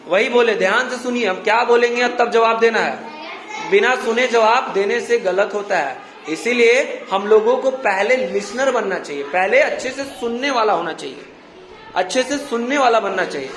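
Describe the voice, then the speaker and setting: A male teacher drills his class with the same questions again and again and scolds them mildly for not listening. He is recorded in a classroom full of echo, with steady noise behind him. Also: very high-pitched. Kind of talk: classroom English grammar lesson. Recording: echoey classroom with background noise.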